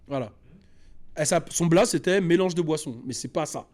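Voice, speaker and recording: A man host telling a personal story in a casual, animated, slangy way, with many restarts and repeats. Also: a little high, moderate pace.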